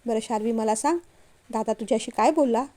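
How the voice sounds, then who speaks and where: A woman's voice: on the high side, fairly quick, mellow, close to an everyday voice. A woman voicing a sulky, childish young man who pleads and whines to his father in a storybook reading. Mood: earnest. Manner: pleading, whiny.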